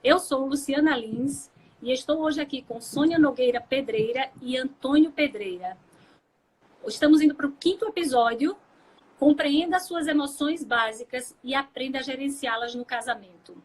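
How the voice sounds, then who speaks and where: A woman's voice: high-pitched, normal speed, poor audio. A woman hosting a talk show, asking questions and reacting with enthusiasm. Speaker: host.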